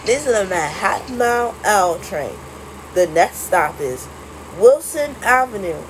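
A woman making recorded subway train announcements, stop by stop in a flat, measured announcer delivery. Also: mid-range voice, background noise.

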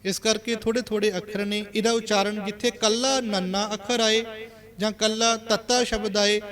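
A man with a Punjabi accent teaches scripture recitation in a fairly high voice. He recites verses slowly and deliberately, pausing between words to show how each one should be pronounced. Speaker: Sikh preacher teaching scripture pronunciation. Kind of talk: religious lesson on recitation.

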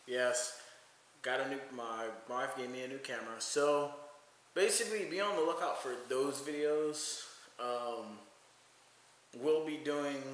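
A man in his thirties vlogs casually at home, rambling with plenty of fillers as he moves through his bedroom and living room. His voice sits in the mid-range with a slightly bright edge. He holds the phone camera at arm's length, and the bare room sounds very echoey with faint background noise.

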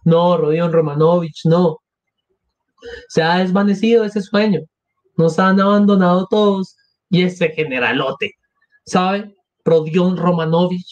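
A man voicing a frantic, consumptive noble mother, shrill and breathless. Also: steady tone, a little slow, lo-fi sound. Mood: indignant.

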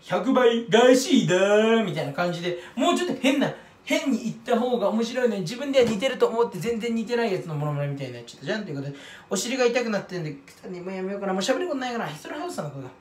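A young man rambling through a self-mocking comedic monologue as a YouTuber, with quick throwaway impressions. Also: sits high, very animated, slight background noise. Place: toilet room. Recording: echoey small room, mic at a distance.

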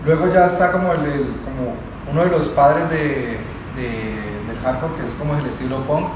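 A young man from Cali with a Colombian accent, a guest talking casually in slang with halting restarts. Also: mid-range voice. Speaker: guest musician. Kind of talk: casual interview. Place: indoor room with a drum kit. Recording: echoey room from far off, music behind.

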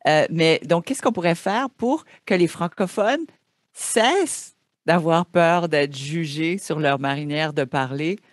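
A woman moderating a panel discussion, asking formal, measured questions. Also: low-pitched, dry recording, studio quality.

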